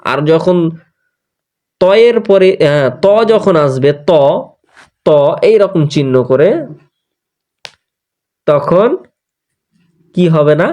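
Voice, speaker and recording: A man teaching Quran pronunciation, patiently explaining where the tongue goes and repeating each letter sound slowly in drills. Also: fairly high pitch, animated, darkish tone. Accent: Bangladeshi Bengali. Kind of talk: online tajweed class recap.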